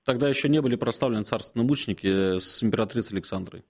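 A man in his forties speaks as a priest on a call-in advice show. His voice sits at an ordinary middle pitch, and he talks without hurry. He pauses often and fills the gaps with hesitant sounds while he gives gentle counsel. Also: breathy edge. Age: 40s. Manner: unhurried, many hesitations, gently advising. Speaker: Orthodox priest answering questions.

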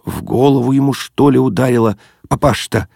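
A man's voice: mid-range voice, fairly even intonation, fairly quick, creaky, dark tone, dry recording, studio quality, pitched above the performer's own voice. A man voicing a stern but timid young traffic militiaman who mumbles cautiously and deferentially.

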